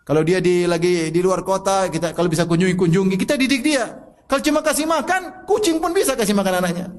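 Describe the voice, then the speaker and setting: High-voiced man preaching with rhetorical questions. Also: quick pace. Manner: exhorting with repeated rhetorical questions; personal storytelling with soft laughs. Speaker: Islamic preacher. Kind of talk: sermon.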